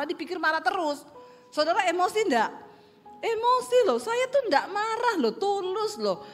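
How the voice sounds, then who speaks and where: Woman pastor, Sulawesi accent, high voice, joking sermon, long echo of a big hall, faint music. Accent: Sulawesi Indonesian. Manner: animated, joking, teasing the congregation. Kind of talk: lively sermon with humor.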